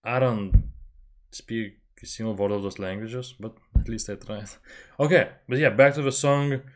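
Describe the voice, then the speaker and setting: With a lowish voice and measured pace, the young reaction channel host, whose first language is Lithuanian, offers laid-back commentary on music. He's chatty, pokes fun at himself, and laughs a lot, recording in a small bedroom on a headset and desk mic under webcam framing.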